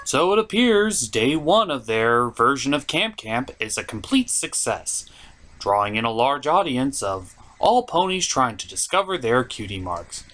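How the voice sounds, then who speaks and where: Reading from a script, a performer plays a theatrical gentleman puppet who reviews a cartoon, using a medium-pitched, sing-song delivery full of dramatic pauses and feigned indignation.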